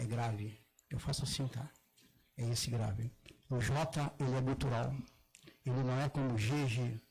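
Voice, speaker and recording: Gravelly older man, halting talk. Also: mid-range voice, a little mellow, poor audio. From southern Brazil. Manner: halting, many restarts, drawn-out demonstrated words. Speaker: Afro-Brazilian religious elder speaking at a gathering. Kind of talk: public talk, explaining pronunciation.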